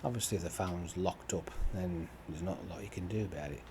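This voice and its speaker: Rambling man, low voice, noisy background. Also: fairly quick. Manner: meandering, swears casually, many fillers. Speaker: gaming channel host. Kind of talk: rambling chat over gameplay. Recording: steady background noise.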